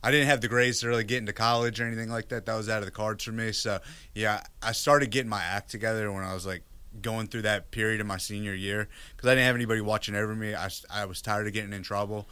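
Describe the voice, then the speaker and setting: A man in his thirties from Virginia talks candidly in a casual interview, circling back with fillers as he goes. His voice sits low and stays level, with a crisp, bright tone. The recording is dry and close. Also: fairly even intonation, fast talker, no room sound. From Virginia, United States. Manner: candid, restarts with many fillers. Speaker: guest.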